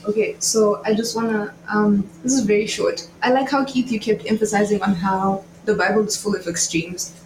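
A man's voice: sits high, fairly even intonation, moderate pace, few pauses. A man joining a faith podcast, making a short, earnest, encouraging point. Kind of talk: casual faith discussion. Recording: echoey room with clear hiss.

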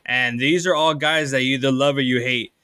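A man's voice: medium pitch, steady tone, brisk, pushed and bright, clean tone, no room sound, studio quality. A man hosting a casual chat, laid-back and affirming as he asks long open questions. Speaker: podcast host.

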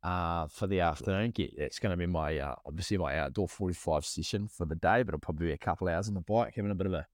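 A man with a broad Kiwi accent and a fairly low voice talks casually. He rambles, circles back over his own phrases and leans on laid-back slang. The sound is dry, with little room on it. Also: fast, few pauses, no room sound. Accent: New Zealand. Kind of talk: casual chat.

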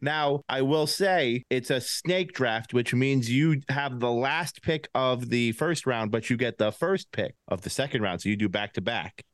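A man's voice: medium pitch, unhurried, hardly any pauses, no room sound, studio quality. A man with a lisp hosting a casual podcast game, laughing often as he runs the draft.

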